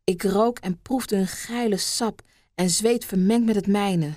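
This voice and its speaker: Woman, erotic story reader, soft hushed delivery with whispers, mid pitch, dry recording. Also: a little slow, dry recording. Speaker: narrator.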